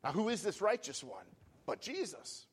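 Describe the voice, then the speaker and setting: A man's voice: mid-range voice, animated, normal speed. A man preaching a sermon as pastor, with impassioned delivery that swells into strong emphasis.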